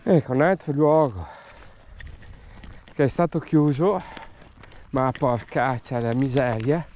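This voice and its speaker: A man's voice: mid-range voice, takes it slowly, darkish tone, soft background music. A man with a Venetian Italian accent giving casual, colloquial commentary as he guides viewers around an outdoor site, with regional dialect expressions. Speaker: urban explorer vlogger and guide. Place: outdoors in windy hills and abandoned ruins.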